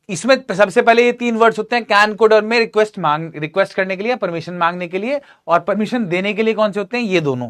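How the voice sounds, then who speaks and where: A man teaching a grammar lesson in a lively, joking way, often asking his students questions. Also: high voice.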